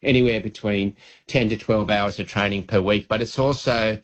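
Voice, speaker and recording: A man in his fifties with an Australian accent, a guest on a radio show talking earnestly, halting often with fillers. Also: lowish voice, fairly even intonation, muffled recording. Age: 50s. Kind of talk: casual radio chat.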